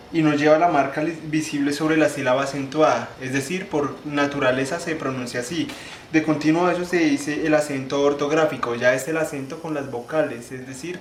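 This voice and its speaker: A young man giving a class presentation, explaining step by step, restarting phrases and slowing down to spell out syllables. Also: fairly high pitch. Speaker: student presenter. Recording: echoey room, faint ambient noise.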